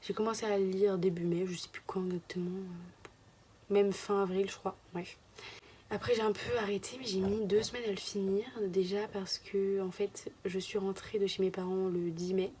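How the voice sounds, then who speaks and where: A woman's voice: mid-range voice, little pitch movement, normal speed, warm tone, slight background noise. A young woman from France chatting casually to her phone camera in a vlog, rambling and sometimes dropping to a whisper. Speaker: vlogger.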